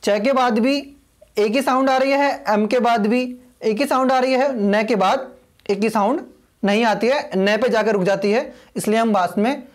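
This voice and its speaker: A man's voice: extremely high pitch, normal speed. A man teaching a video lesson, explaining patiently and repeating himself, spelling names out letter by letter.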